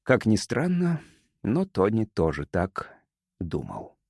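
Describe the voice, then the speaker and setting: A man narrating an audiobook story in an expressive, measured way. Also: fairly low pitch, dry recording, clean studio sound.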